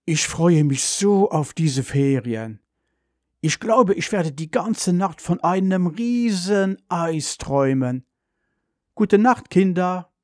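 A man voicing a gentle, dreamy mother with a soothing way of talking. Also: medium pitch, measured pace, few pauses, dry recording, studio quality, natural voice. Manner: soothing, then excited.

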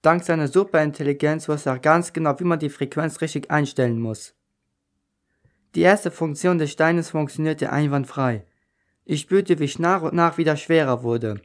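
A man with a slightly raised pitch reads a first-person children's story aloud for radio. He narrates at an even storytelling pace, with a clear voice. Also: normal speed.

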